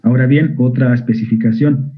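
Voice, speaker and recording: A male medical school lecturer giving an online physiology class. He often quizzes his students and clears his throat. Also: mid-range voice, fairly even intonation, brisk. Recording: narrow phone-like audio.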